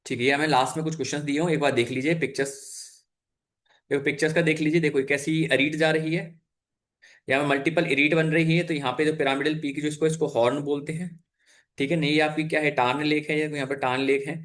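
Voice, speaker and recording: Man, young adult, chatty exam-coaching teacher, slightly high voice, rambling with fillers. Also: little pitch movement, fast, a bit bright. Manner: chatty, frequent fillers and self-corrections, mixes in English terms. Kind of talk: casual Hindi lecture over slides.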